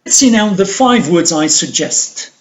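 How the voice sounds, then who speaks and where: Male English teacher, high lively voice, measured classroom delivery. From Algeria. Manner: slow and deliberate, stressing key words. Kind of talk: classroom lesson on word stress.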